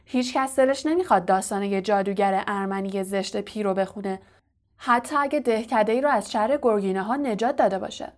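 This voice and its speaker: A woman voicing a vain, evasive male wizard professor who is a fraud, smooth and condescending. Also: medium pitch, a little mellow, close to an everyday voice. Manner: smooth, self-justifying, condescending.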